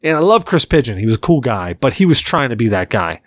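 A man's voice: medium pitch, very animated, fast, dry recording. A man in his forties talks in a mid-range voice, loose and rambling as he tells a story on a casual podcast. He swears freely. The sound is close and dry, with no room around it. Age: 40s. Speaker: podcast host.

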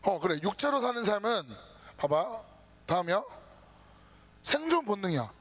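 A man preaching a casual sermon to a youth group, lively and informal, acting out his listeners' worries. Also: high voice, normal speed. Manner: lively, talks down to students casually, acts out their worries. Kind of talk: sermon to teenagers.

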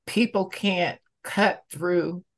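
Woman from georgia in an interview, kinda low voice, really slow and deliberate, conversational. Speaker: interviewee, community campaigner.

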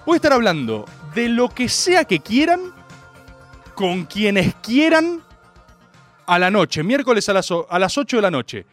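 A man speaking Rioplatense Spanish hosts a comic radio monologue from a studio. His voice sits high and leaps around, from shouted bursts to low, mock-grave asides. Faint music plays underneath. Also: very animated, unhurried. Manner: theatrical, swings between loud outbursts and mock-grave asides. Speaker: radio show host. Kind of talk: comedic radio monologue, streamed live.

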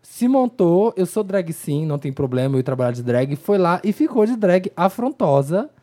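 Mid-pitch, mellow tone, chatty, laughs easily. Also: big pitch swings, moderate pace. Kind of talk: casual chat.

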